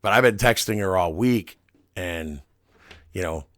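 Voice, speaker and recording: Lowish-voiced guy rambling on explaining stuff, dead dry sound. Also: measured pace, fairly bright tone, no echo. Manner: chatty, explains at length. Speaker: podcast co-host. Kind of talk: casual chat.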